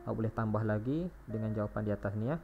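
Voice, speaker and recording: A man's voice: fairly low pitch, racing, gravelly. A male primary school teacher with a Malaysian Malay accent, patiently walking young pupils through a recorded lesson and spelling words out letter by letter. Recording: dull lo-fi recording with faint music.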